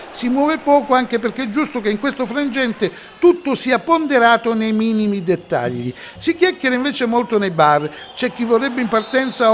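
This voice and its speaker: A man's voice: very high-pitched, a bit bright, a little hiss or hum. A man narrating scripted sports news as a reporter.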